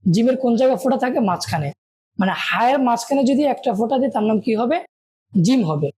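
A woman's voice: a little high, lively intonation, fast, warm tone, slightly rough. A woman teaching Arabic letters, patiently calling out each one and asking and answering her own questions. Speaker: Quran reading teacher.

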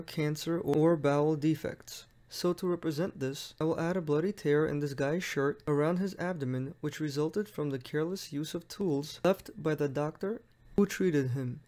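A man's voice: on the high side, a little mellow. A young man, friendly and explanatory, narrating a drawing lesson for a medical exam as its host.

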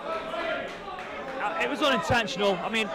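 A man's voice: very high-pitched, very animated, unhurried. A man commentating live on a mixed martial arts fight. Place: indoor fight venue. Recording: loud crowd noise behind commentary.

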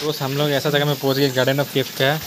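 A man in his thirties talking casually and excitedly into a phone at arm's length as he explores a foggy mountain road and a wet cave with waterfalls. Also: mid-range voice, fast. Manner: excited, chatty, laughing asides. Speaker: travel vlogger. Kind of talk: casual travel vlog. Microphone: phone held at arm's length. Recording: loud waterfall and road noise.

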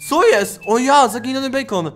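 A man narrates a game in lively, playful commentary. He shouts out excitedly and jokes as he plays. Faint music runs underneath. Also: extremely high pitch, moderate pace. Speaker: gaming YouTuber. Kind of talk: gameplay commentary.

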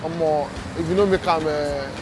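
A man's voice: fairly high pitch, steady tone, normal speed, background noise. A young Nigerian man hosting a street interview, hyped and bantering with pidgin, recorded outdoors on a busy city street. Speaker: show host.

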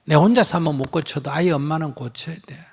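A man's voice: a little high, a little fast, gravelly, breathy edge. A man with a Gyeongsang accent, a Buddhist monk answering questions in a live teaching, blunt and emphatic, acting out bits of dialogue. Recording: hall reverb.

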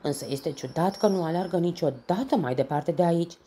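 A woman voicing an excitable hare that shouts eagerly, in a children's storybook. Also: on the low side, a little hiss or hum, voice pushed up, lightly acted. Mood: excited.

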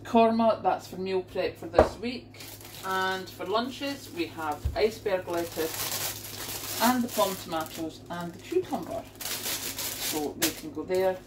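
A woman's voice: on the low side, slow, noisy background. A middle-aged woman from the UK chatting to camera in her home kitchen as she unpacks her shopping, exclaiming at the prices. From United Kingdom. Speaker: vlogger showing a grocery haul. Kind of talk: casual chat to camera. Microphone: camera pointed down at a kitchen counter.

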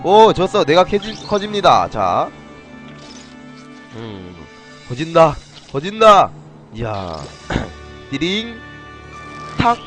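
A man casually commentating his own game play on a live stream, playful and chatty, often clearing his throat. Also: mid-range voice. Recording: faint game music behind.

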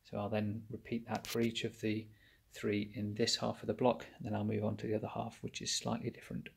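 A man's voice: lowish voice, monotone, brisk, vocal fry, breathy edge. A man narrating a workshop how-to, explaining each step plainly while he works at a bench. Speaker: engine rebuilder.

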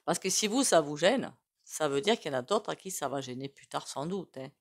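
A woman with a low voice and a regional French accent reads tarot cards in a relaxed, spoken way. She muses aloud and drifts from thought to thought as if chatting with her viewers. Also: fairly quick. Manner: musing aloud, loose and conversational. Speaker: tarot reader and psychic. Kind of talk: casual spoken tarot reading.

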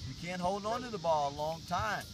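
A man's voice: high-pitched, brisk, background noise. A man coaching youth soccer gives an encouraging, instructive halftime pep talk outdoors, repeating key phrases for his young players. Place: open grassy sports field, outdoors. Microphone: handheld phone camera a few meters away. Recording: outdoor handheld recording, loud field ambience.

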